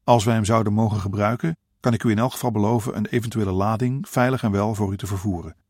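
A tired old husband in a storybook reading, courteous and gently reassuring, as a male narrator plays him. His voice sits low and sounds dry and close. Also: steady tone, quick pace, no echo. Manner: polite, soothing.

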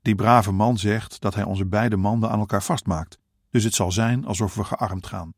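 A tired old husband in a storybook reading, courteous and gently reassuring, as a male narrator plays him. His voice sits low and sounds dry and close. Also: steady tone, normal speed, dry recording. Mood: soothing. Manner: polite, soothing.

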